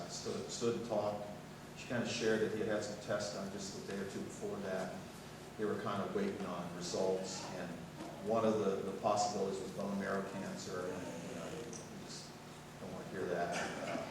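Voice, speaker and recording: A man's voice: lowish voice, background noise. An older man preaching a sermon as a pastor, telling stories in a folksy way with light humor. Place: church sanctuary. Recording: very echoey hall recorded from far off.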